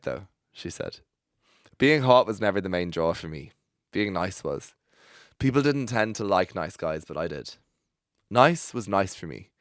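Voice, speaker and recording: A low-pitched man reads a personal story aloud as a podcast host. His delivery is expressive, often breaking into laughter. The studio sound is close and dry. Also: dry recording. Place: recording studio.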